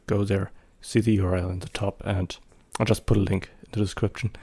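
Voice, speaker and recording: This man's voice sits lowish, gravelly and darkish in tone. He's a German-born photography vlogger in his thirties speaking accented English, his loose commentary full of fillers and hesitant pauses.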